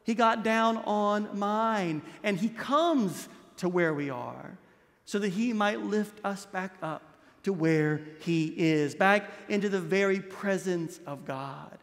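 A man in his thirties, a priest delivering a Christmas Eve homily with impassioned preaching, dropping low and soft on key words. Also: takes it slowly, gravelly. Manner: gestures broadly while standing at a lectern. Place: large stone church, indoors. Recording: long church reverb.

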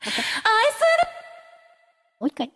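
A woman hosting a casual software tutorial, chatty and giggly, talking her way through a live demo. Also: takes it slowly, big-room sound, faint music behind. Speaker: VTuber host teaching singing-synth software.

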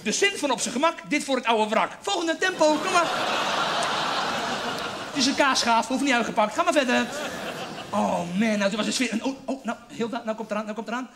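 A man's voice: extremely high pitch, brisk, fairly bright tone, slight background noise. A man telling a rambling, crude story as a stand-up comedian on a theatre stage before an audience. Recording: live show with audience laughter.

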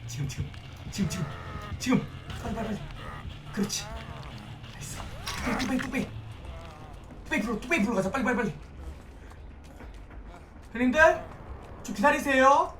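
A male game streamer with a high voice gives excitable live gameplay commentary, talking fast with frequent pauses, swearing often and loudly pleading with teammates. The recording is roomy with a distant mic and faint background noise.

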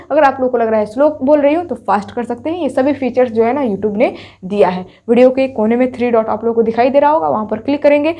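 Brief: woman teacher with a high, bright pitch, talking students through a story chapter, restating every point. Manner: repeats each point and asks herself rhetorical questions; addresses students directly, telling them to take screenshots. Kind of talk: explaining a story chapter in an online class.

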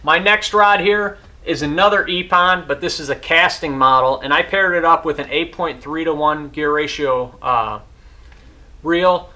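A man's voice: on the high side, a little slow, pushed and bright. A man in his thirties, hosting a casual fishing gear review from his garage, talking with hands-on enthusiasm. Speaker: fishing channel host. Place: garage with boat and rods.

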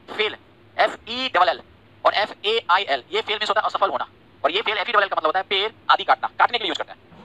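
A man teaching English vocabulary in a live class, talking quickly and checking over and over that the students follow. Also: high-pitched, sharp tone, low-quality recording. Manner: rapid, repetitive checks like "ठीक है?" and "समझे?"; scolds and teases students by name. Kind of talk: online class lecture in Hindi and English.

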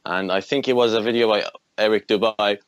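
A young man from Iran speaks as a podcast guest, his voice set somewhat low. He goes haltingly, stopping to restart his sentences. The sound is dry and close, with no room around it. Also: fairly even intonation, no room sound, muffled recording. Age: 20s. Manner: hesitant, with frequent ums and restarts. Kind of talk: casual interview talk.

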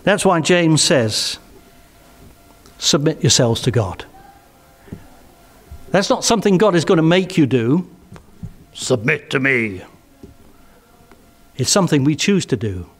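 An older man with an English accent delivers a sermon in a church hall. His voice sits a little high, and he speaks earnestly and with emphasis, often sinking to soft, intimate phrases. He is picked up by a headset mic. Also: very animated, slow pace, long pauses, husky, faint music behind. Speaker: preacher.

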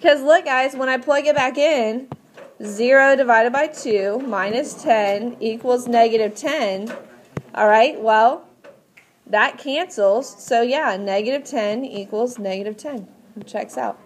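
A woman with a slightly high voice teaches in a patient, step-by-step manner. She explains instructively and puts questions to her class as she goes. There is faint noise in the recording. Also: a little slow. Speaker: math teacher.

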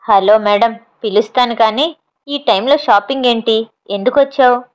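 A woman's voice: fairly high pitch, normal speed, close to an everyday voice. A woman voicing a confident young man who teases and scolds firmly, on a slightly dull recording. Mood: teasing firm. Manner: teasing, firm. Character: confident teasing young man, quick temper.

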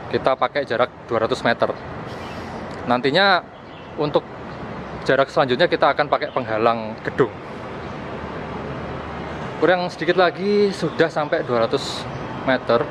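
Pausing often, a young man with a mid-range voice speaks at a moderate pace while walking outdoors. He reviews gadgets and casually explains a field test, going over the same points more than once. His camera is held at arm's length in open plazas, a park and the street, with noisy ambience all around.

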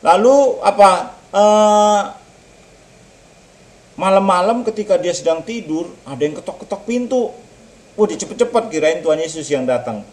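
A man leads a children's church lesson in a highly animated, swooping voice that sits on the higher side. He tells the Bible story expressively and keeps turning to the children with questions. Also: moderate pace, pauses often.

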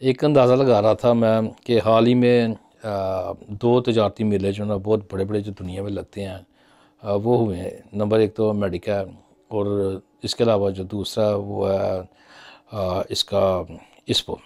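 A man's voice: on the low side, flat delivery, unhurried, warm tone. A middle-aged man from Pakistan talking casually to camera from a small office, thinking aloud with frequent fillers and gestures. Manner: conversational, musing, with many fillers and hand gestures. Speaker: business commentator. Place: small office with framed certificates on the wall.

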